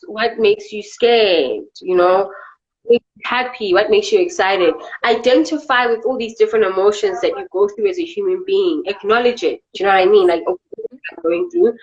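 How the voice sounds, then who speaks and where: A South African actress talks casually as an interview guest, chatty and filler-heavy, repeating "you know" over and over. Her voice is medium-pitched and the recording is lo-fi.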